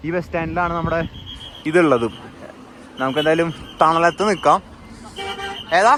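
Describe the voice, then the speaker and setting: A young man with a Kerala Malayali accent talks to his vlog viewers in a high, excitable voice. He sprinkles English words and slang through his Malayalam. The recording is noisy, with outdoor ambience and vehicles around him. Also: moderate pace. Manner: excitable, exclamatory, addresses viewers often. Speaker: travel vlogger. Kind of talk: casual travel vlog chat to viewers. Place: mostly outdoors on town streets.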